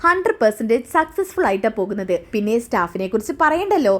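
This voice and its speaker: A woman's voice: on the high side, very animated, fast. Upbeat young restaurant owner, voiced by a woman. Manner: upbeat, praising.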